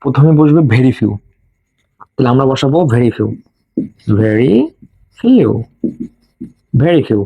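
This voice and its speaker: A man's voice: mid-range voice, dry recording, phone-quality sound. Bengali-speaking man drilling grammar rules. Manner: slow and drilling, repeats rules for students to memorize. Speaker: English grammar teacher. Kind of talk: classroom lesson.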